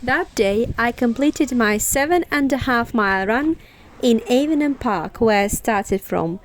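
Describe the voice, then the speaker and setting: A woman's voice: a little high, lively intonation, a little slow, slight background noise. A woman vlogger giving scripted, informative travel narration. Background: music.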